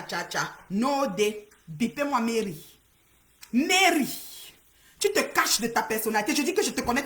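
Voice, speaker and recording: A woman's voice: medium pitch, echoey room. Fiery woman ranting on a livestream. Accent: West African French. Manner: confrontational, repetitive, calls out names, swings from loud to muttering. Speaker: livestream host. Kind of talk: heated social media livestream rant.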